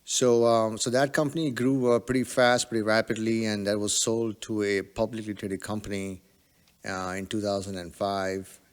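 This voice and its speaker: Low, smooth-voiced man with long reverb. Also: flat delivery, normal speed. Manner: hesitant, many fillers. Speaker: podcast guest, telemedicine entrepreneur. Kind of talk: relaxed conversational storytelling.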